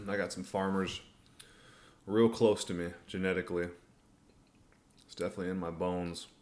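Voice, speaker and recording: Low-pitched man, casual livestreamer. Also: fairly even intonation, normal speed, darkish tone. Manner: laid-back, colloquial, often says "man". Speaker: livestream host. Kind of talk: casual livestream Q&A, reading and answering viewer comments.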